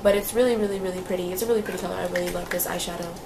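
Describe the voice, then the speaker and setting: A young woman with a cold-induced nasal edge rattles off her beauty product review in rapid-fire fashion from a small room, chatting casually as a beauty vlogger. Her voice is fairly low-pitched with a steady tone, she uses lots of fillers and repeats, and there is background noise.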